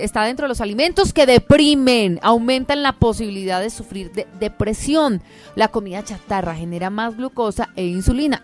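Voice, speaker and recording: A woman with a Colombian accent co-hosting a casual radio show, explaining health tips in a lively, quick way. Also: a little high.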